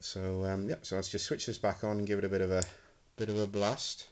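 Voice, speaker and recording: This man, a hobbyist prop maker, has a lowish, slightly mellow voice and a level tone, and he talks a little fast. He's handling homemade electronics in a casual, hesitant demo full of ums, filmed on a handheld camera mic in an indoor room with a wooden floor, with a little hiss or hum in the audio.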